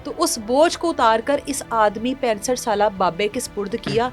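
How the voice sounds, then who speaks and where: A woman's voice: on the high side, soft background music. A woman from Pakistan presenting a news show, retelling a crime case in an indignant, moralizing way and acting out quotes. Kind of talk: emotional crime story retelling.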